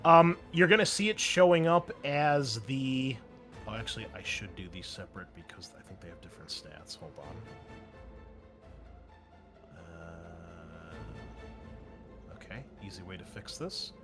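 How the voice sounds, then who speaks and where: Over background music, a game master hosting an actual-play show narrates his tabletop game in a lowish, unhurried voice, pausing often. His style is informal, with wry asides and some casual swearing.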